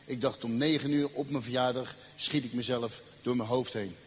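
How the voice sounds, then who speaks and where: A man telling a dramatic personal testimony, acting out the dialogue and slowing down for emphasis. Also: medium pitch, fairly even intonation, a little hiss or hum. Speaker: speaker giving a personal testimony. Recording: faint ambience, long reverb.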